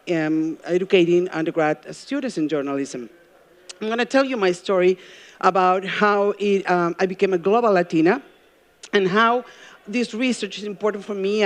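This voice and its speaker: A middle-aged Peruvian woman, a journalism professor, gives a live talk on an event stage in a lowish voice with a Peruvian Spanish accent. She asks the audience questions and frequently pauses with ums and uhs.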